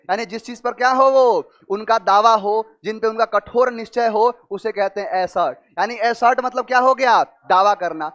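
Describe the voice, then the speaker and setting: Male tutor, very high voice, drills word meanings with questions. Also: a bit bright. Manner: explains with repeated questions to students. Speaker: teacher. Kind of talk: vocabulary lesson with memory tricks.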